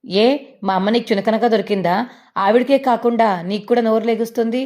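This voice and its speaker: A woman's voice: on the high side, fairly even intonation, fairly quick, warm tone, close to an everyday voice. A woman voicing a fiery young daughter-in-law who talks back angrily. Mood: angry. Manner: angry, reproachful.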